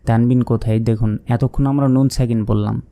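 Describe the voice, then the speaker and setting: A man's voice: mid-range voice, fairly even intonation, quick pace, creaky, warm tone, no echo. A man teaching Quran reading step by step, spelling out letters and marks, asking questions and then answering them patiently.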